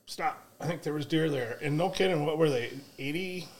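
Higher-voiced male podcast host storytelling. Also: fairly quick, a little mellow. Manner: rambling, storytelling. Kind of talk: casual storytelling chat.

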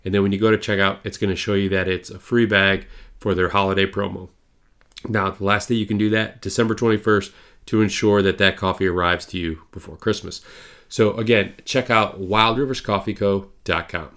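Relaxed low-voiced male podcast host. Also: brisk. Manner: relaxed, rambling, lots of fillers. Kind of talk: casual podcast interview.

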